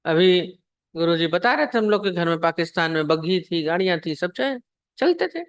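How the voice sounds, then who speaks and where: A woman's voice: fairly low pitch, animated, moderate pace, no echo, clean studio sound. A woman spiritual teacher giving a sermon on scripture, telling parables and asking her listeners questions. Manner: storytelling, asks the listeners questions.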